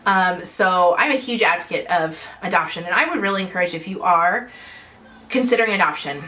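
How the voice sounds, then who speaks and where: A woman's voice: lowish voice, brisk, bright, forceful tone, a little hiss or hum, rough recording. A young adult woman vlogging at home in casual chat to camera, chatty and rambling with frequent small laughs.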